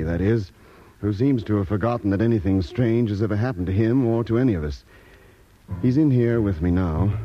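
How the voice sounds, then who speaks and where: An actor playing a grave, thoughtful doctor on a lunar expedition in a vintage radio drama. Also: male voice, sits low, slight background noise, lightly acted. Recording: muffled old radio recording, music behind.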